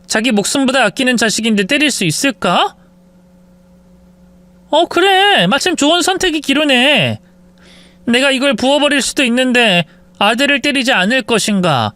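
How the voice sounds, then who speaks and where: A woman's voice: high-pitched, big pitch swings, normal speed, a bit bright, no room sound. A woman telling a dramatic revenge story in the first person, cold and biting in the confrontations.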